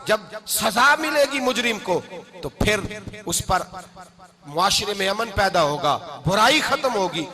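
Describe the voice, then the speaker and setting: A man preaching an impassioned sermon, swelling into shouts and a sing-song cadence. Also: sits high, animated, takes it slowly. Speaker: Islamic preacher. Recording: live gathering with audible crowd.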